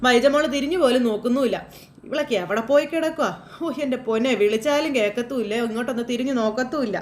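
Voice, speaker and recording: High-voiced woman chattily retelling a serial. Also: fast. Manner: chatty, lively storytelling with fillers. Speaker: serial recap storyteller.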